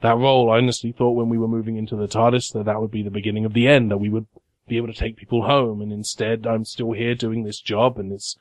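A man's voice: fairly low pitch, level tone, fast, no room sound, close to an everyday voice. Man voicing a flustered detective, stammering, dry mic. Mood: anxious. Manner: stammering, apologetic. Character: nervous flustered male detective character.

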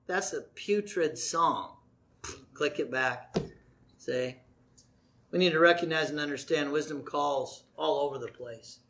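A man preaching a sermon as pastor, folksy and animated, with asides and jokes to the congregation. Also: fairly high pitch.

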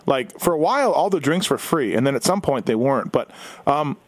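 A man's voice: mid-range voice, lively intonation, a little fast, slight background noise. A man co-hosting a casual chat, recounting events and laughing easily. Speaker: podcast co-host, race reporter.

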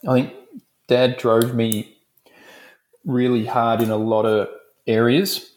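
An Australian man talks as a guest in a relaxed interview. His voice sits at a middle pitch, and he tells his stories frankly, piling up restarts as he goes. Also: slow pace, low-quality recording. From Melbourne, Australia. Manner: frank, rambling storytelling. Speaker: dentist guest. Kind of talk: casual interview chat.

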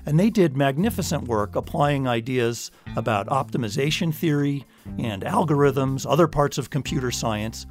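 A man's voice: mid-range voice, normal speed, faint music behind. An older man hosting a science podcast, speaking enthusiastically in a conversational way. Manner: lively, enthusiastic. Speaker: podcast host. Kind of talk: conversational interview and narration.

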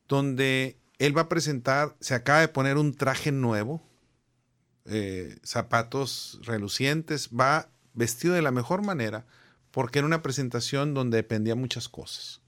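A middle-aged man chats as a guest on a personal growth show. He tells stories with energy and slips into the voices of the people in them. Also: mid-range voice. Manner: animated storyteller, acting out the people in his anecdotes. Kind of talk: conversational storytelling.

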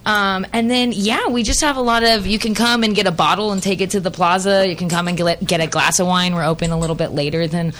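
A woman's voice: medium pitch, steady tone, fast talker, hardly any pauses, fairly bright tone. A woman winemaker, a guest on a radio talk show, chatting enthusiastically and laughing often. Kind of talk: casual radio chat.

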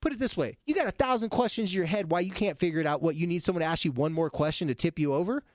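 Quick animated guy therapist, jumps all over, kinda high voice, dry close sound. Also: no echo. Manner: animated storyteller who jumps between topics. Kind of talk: casual podcast chat.

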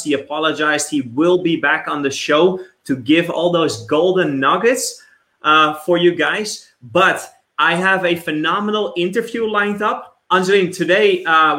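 An eager male host with a fairly high, bright and edgy voice, often restarting his sentences in his excitement. He is heard in a roomy, echoing space. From immigrant background. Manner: enthusiastic, stumbling restarts. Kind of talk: hosting a live online interview show.

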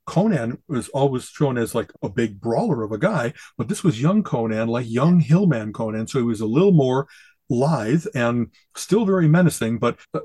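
A man's voice: medium pitch, dark tone, breathy edge, no echo. A man co-hosting a podcast in casual chat, enthusiastic and rambling, quoting catchphrases with relish. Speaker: podcast co-host.

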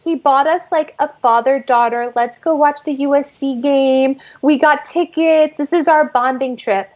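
Here the same kind of chatty guest actress speaks in a high, steady voice at a slightly slow pace, leaning heavily on "like" as she tells her stories. The casual interview is captured on a muffled recording.

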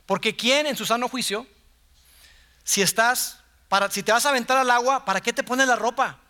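A man with a Mexican Spanish accent preaching a sermon from a church stage in a conversational way, acting out quotes in softer or louder voices. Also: very high voice, normal speed.

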